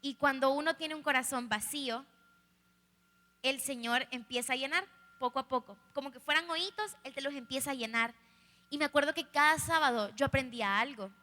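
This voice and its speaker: A little fast, with a high, bright and forceful voice, she delivers a candid and funny personal testimony to the people in front of her. The young woman speaks with a Salvadoran Spanish accent. The recording is a live stream from an echoing hall.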